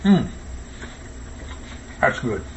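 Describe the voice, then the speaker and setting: A man hosting a casual home cooking video, relishing his food with hearty exclamations and chuckles. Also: very slow. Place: indoors, kitchen. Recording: distant mic, dull, echoey, noisy room.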